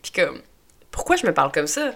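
A woman's voice: sits low, big pitch swings, fairly quick, creaky, a bit bright. A young woman with a Québécois French accent talking as a podcast host in a casual motivational monologue, chatty and full of fillers, with English phrases mixed in.

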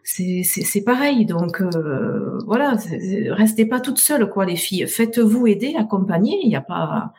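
A woman's voice: mid-range voice, animated, a little mellow, a little hiss or hum. A middle-aged woman with a southern French accent, a guest on a live podcast interview who stumbles over and repeats her words as she talks earnestly. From southern France. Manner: halting, repeats words, heartfelt. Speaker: guest, business owner.

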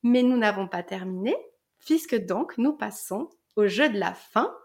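A woman's voice: medium pitch, expressive, unhurried, a little mellow. A woman hosting a podcast, chatting casually and playfully with a guest and laughing often. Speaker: podcast host.

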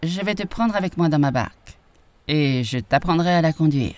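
Brief: storybook old sailor, calm and instructive, dry close sound, read by a woman. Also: a little high, moderate pace, no echo, lightly acted. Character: patient old sailor mending rope.

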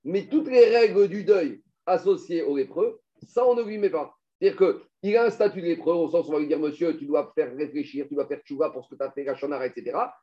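A man's voice: a little high, fast talker, hardly any pauses, mellow, lo-fi sound. A man teaching a Talmud class, explaining step by step and putting questions to his students.

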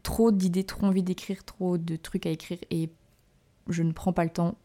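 A novelist hosting her own solo podcast chats casually in a lowish, mellow voice with flat delivery at a moderate pace. She's hesitant, full of "euh" fillers and restarts, and laughs at herself often.

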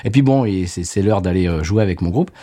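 A man co-hosting a podcast, telling a story in casual chat with a joking, animated manner. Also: low-pitched, fast. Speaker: podcast co-host.

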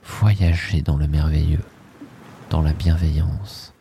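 A man guides a sleep meditation in a low, gravelly voice, soft and soothing, drifting through short phrases very slowly and often sinking into a breathy whisper. His intonation stays fairly even, with slight background noise present.

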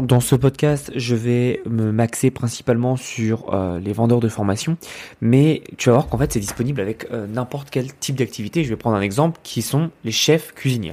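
A man's voice: mid-range voice, a little fast, a little mellow. A man from France hosting a solo podcast, giving business advice in a direct, persuasive way and talking straight to the listener. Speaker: podcast host and business coach.

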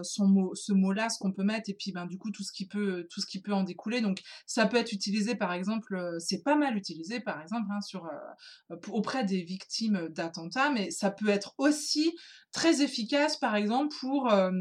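Speaking French in an informal, hesitant way, a woman explains wellness techniques to the listener, full of fillers and restarts. Her voice is medium-pitched.

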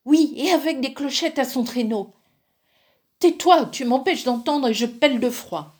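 A woman voicing two spiteful young sisters freezing in a forest, shrill and quarrelsome. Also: a little slow, darkish tone. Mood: cross, freezing.

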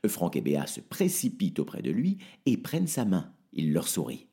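A man narrating an audiobook with lively storytelling. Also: low-pitched, normal speed, creaky, slightly rough.

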